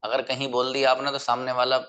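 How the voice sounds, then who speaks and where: A man teaching an online class, explaining patiently and repeating words slowly for the learners to copy. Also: medium pitch, completely flat delivery, pushed and bright, smooth. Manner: patient, repeats words slowly for drilling, addresses listeners as brother.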